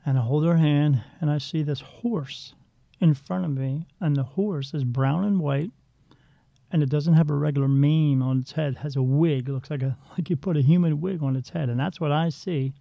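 Gravelly man with a dull lo-fi sound. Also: a little high, moderate pace, dry recording. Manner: blunt, rambling, with frequent restarts. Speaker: psychic medium. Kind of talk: casual storytelling interview.

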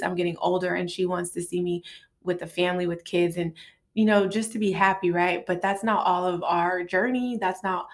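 A woman's voice: on the low side, vocal fry. A woman in her late thirties hosting a casual, confiding solo podcast, recorded in a bathroom. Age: late 30s. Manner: informal, confiding, conversational. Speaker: podcast host.

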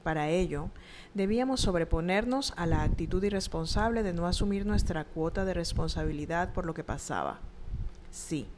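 Woman, lower voice, scripted narration, measured, reflective, faint background hiss. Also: animated. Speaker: narrator reading her own reflective text.

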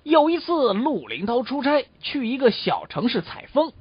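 A man's voice: very high voice, normal speed, very noisy. A man telling jokes in a comic crosstalk routine, acting out each story with energy. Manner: animated, acts out the story. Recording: dull lo-fi recording, dry.

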